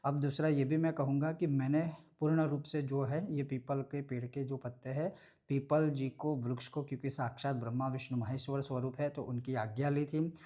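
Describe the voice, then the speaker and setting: A man explaining a prayer-bead ritual step by step, in a measured way that repeats phrases, chanting syllables and mantras slowly. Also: medium pitch, level tone, mellow. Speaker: ritual teacher.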